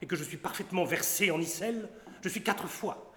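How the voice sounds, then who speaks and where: The character, a conceited doctor in a staged classic comedy, lectures, numbers off his points and shows off Latin. The actor's voice is high-pitched, brisk and a bit bright, ringing with long reverb in an echoey hall.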